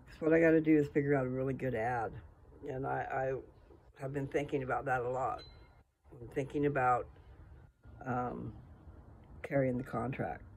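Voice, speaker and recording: A man's voice: medium pitch, steady tone, normal speed, creaky, pauses often, slight background noise. A man talking in a casual, folksy, rambling way, thinking aloud as if to someone he knows. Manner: folksy, informal, thinking aloud with trailing asides.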